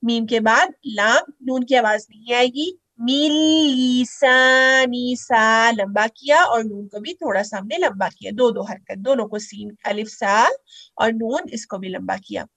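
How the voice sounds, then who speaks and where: Female recitation tutor, higher voice, dry close sound, patient and methodical. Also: a little slow, fairly bright tone, no room sound. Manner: patient, drawing out syllables to demonstrate. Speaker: Quran recitation teacher. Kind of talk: step-by-step recitation lesson.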